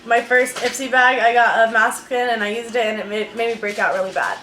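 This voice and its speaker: Speaking brisk and a little high, this young woman has a sharp tone and fairly even intonation. She's at home vlogging an unboxing, talking loosely about beauty products with lots of filler words. There's faint noise, and the room has an echo.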